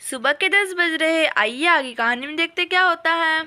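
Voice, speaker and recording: A woman's voice: very high voice, moderate pace, sharp tone, dry recording. A woman narrating a doll story and greeting her viewers in a friendly way. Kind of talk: scripted narration.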